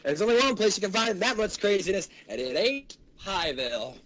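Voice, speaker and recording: A man with a high, sharp-edged voice. He banters casually, cracking wise and teasing the reader. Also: sing-song, normal speed, a little hiss or hum. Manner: teasing, wisecracking. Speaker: heckling friend on a group reading.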